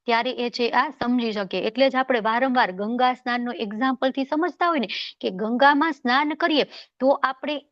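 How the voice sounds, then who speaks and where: A woman's voice: high voice, dry recording, muffled recording. A woman teaching a devotional scripture class in a conversational way, often asking rhetorical questions and checking that listeners follow. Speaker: Bhagavad Gita class teacher.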